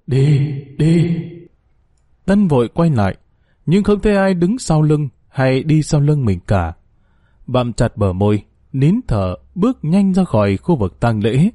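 Man narrating a ghost story, dark dry voice. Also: mid-range voice, dry recording.

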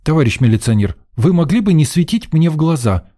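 A man doing a jumpy young student journalist with a voice pushed up high above a dark, mellow base. He sounds flustered and on the defensive, stammering out his protests in an audiobook reading. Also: very animated, fairly quick. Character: nervous, indignant young male journalism student.

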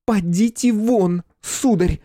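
A man reading an audiobook, voicing a frightened, distraught young female clairvoyant in a high, shrill, pleading voice. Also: a little fast, mellow, no room sound, studio quality, natural voice. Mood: indignant.

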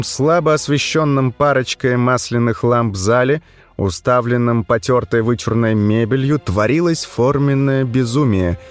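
A male audiobook narrator with a middle-pitched voice and a wry, storytelling delivery. Faint music runs underneath. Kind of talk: scripted narration.

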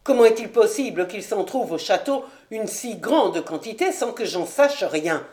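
A woman voicing an earnest young nobleman who speaks low and urgently. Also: lively intonation, normal speed, darkish tone, lightly acted.

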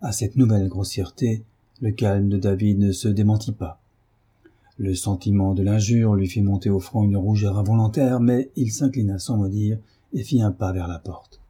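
A man narrating a classic novel as an audiobook, reading in a measured, steady way. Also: on the low side, breathy edge. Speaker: audiobook reader.

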